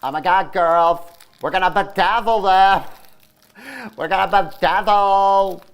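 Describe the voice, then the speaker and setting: A man putting on a gushing, over-excited girly chatterbox voice as a joke during a livestream, squealing and camp. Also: high-pitched, slow, smooth, voice pushed up. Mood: giddy. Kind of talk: joking put-on voice during a livestream.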